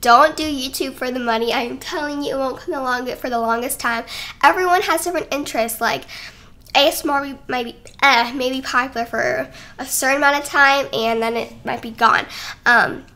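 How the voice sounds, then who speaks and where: Young woman, high voice, bright tone, chatty, rambling, slightly breathless, home vlog. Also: fairly quick. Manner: chatty and rambling, giggly, self-conscious. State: a little out of breath. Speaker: YouTuber. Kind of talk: casual sit-down vlog talk. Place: home, indoors. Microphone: desk microphone.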